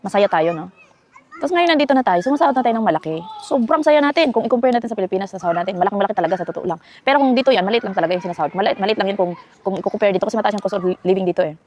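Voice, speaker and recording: A woman's voice: mid-range voice, lively intonation, very fast, a little mellow, slight background noise. A young woman from the Philippines chatting casually to her viewers from home in a life-update vlog, rambling with fillers and self-corrections. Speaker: vlogger.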